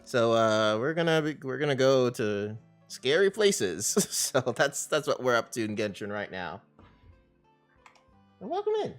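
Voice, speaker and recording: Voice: mid-range voice, expressive, moderate pace, clean tone. A game live streamer chatting casually in a bubbly, cutesy, playful way. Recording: faint music behind. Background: faint game music.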